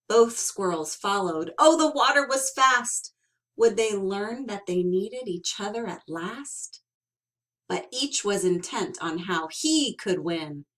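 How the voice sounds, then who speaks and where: Reading a picture book for kids, this woman uses a fairly high voice and tells the story expressively, drawing out words and leaning on dramatic emphasis.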